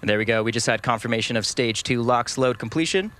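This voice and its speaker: A man hosting a live launch webcast with measured, explanatory commentary. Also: medium pitch, fairly bright tone.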